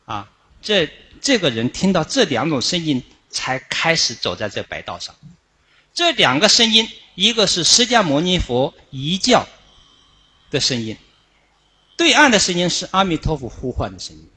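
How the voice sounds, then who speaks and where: A man giving an instructional Dharma talk on chanting, explaining it in a measured way with frequent drawn-out "ah" fillers. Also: a little high, big pitch swings, bright, forceful tone, breathy edge. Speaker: Buddhist chanting teacher.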